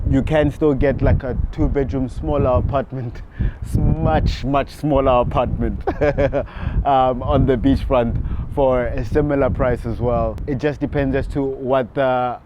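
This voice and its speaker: A South African man, a real estate agent, chatting casually on a city rooftop with relaxed fillers and laughs. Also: mid-range voice, background noise. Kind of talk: casual on-camera chat.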